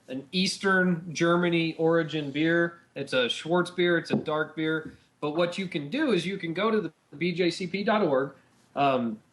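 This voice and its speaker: A man with a slightly high voice co-hosts a relaxed beer-tasting chat. He rambles in an easygoing way and fills his pauses often. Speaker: podcast co-host.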